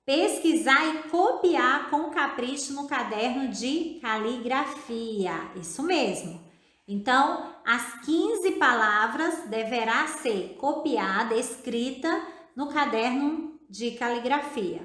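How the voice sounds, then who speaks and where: A Brazilian woman teacher with a Brazilian Portuguese accent, giving a recorded video lesson for children, speaking slowly and deliberately, spelling out syllables and often addressing the child directly. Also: high-pitched, fairly bright tone. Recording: echoey room.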